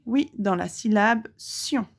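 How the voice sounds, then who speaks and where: A French-accented schoolteacher speaks very slowly and clearly to a young child, a woman who stops often to leave room for an answer. Her pitch sits in an ordinary middle range for a woman. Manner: slow, clearly articulated, pauses for the child to answer. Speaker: primary school teacher. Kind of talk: recorded lesson for young children.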